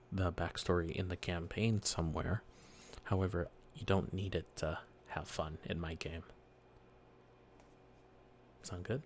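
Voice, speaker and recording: Soft-spoken deep male dungeon master. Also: a little hiss or hum. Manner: soft-spoken, gentle, reassuring; slow, patient explaining with fillers. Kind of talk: whispered role-play. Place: quiet home early morning.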